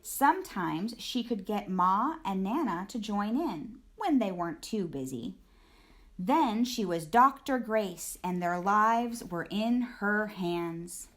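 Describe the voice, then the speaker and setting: Female storybook reader: unhurried, expressive children's narration, mid-range pitch.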